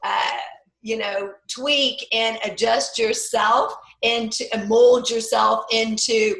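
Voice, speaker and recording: A woman podcast host who speaks emphatically and with passion. Her voice is fairly high with a gravelly fry, and it echoes in the room. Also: steady tone, slow pace, fairly bright tone. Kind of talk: casual podcast conversation.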